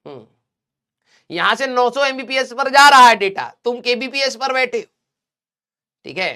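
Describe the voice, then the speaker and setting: A man's voice: very high voice, expressive, moderate pace, bright, forceful tone, clean tone. A young man teaching a live online physics class in a chatty, joking way, teasing his students. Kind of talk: casual live class lecture.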